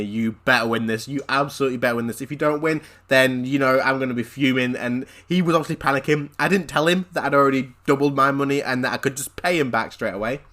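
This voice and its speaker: A man recounts a gaming mishap for his vlog, with a bright, forward tone that cuts through. He rambles excitedly, doubling back and repeating phrases as he goes. The sound is a plain close-mic desk recording. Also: mid-range voice. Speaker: gaming channel host. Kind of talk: story time vlog narration.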